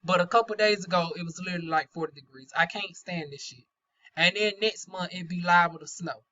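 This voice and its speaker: A woman's voice: on the low side, brisk, sharp tone. A woman with a Southern US accent and trouble pronouncing her Rs gives a casual, folksy product review, chatty and candid with playful slang. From North Carolina, US South. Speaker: beauty vlogger, aesthetician. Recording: dull, lo-fi sound.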